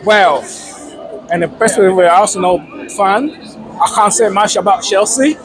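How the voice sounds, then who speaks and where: An excited man giving a casual post-match fan interview outdoors, emphatic and repeating his phrases. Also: high voice, normal speed. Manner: excited, buzzing. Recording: noisy outdoor street with crowd.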